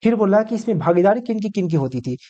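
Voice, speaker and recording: A man's voice: high-pitched, animated, quick pace, mellow, lo-fi sound. A male teacher giving an exam-prep history lecture, asking questions and answering them himself, dropping English words into his Hindi.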